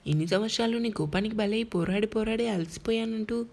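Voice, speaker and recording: A woman's voice: a little high, fairly quick, vocal fry, a little mellow. A woman voicing a heartbroken young wife, fierce and tearful, pleading emotionally in a dramatized audiobook reading.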